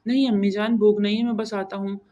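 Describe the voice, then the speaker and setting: A woman's voice: medium pitch, flat delivery, dark tone, lo-fi sound, close to an everyday voice. A woman reading as a worried, caring husband. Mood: concerned.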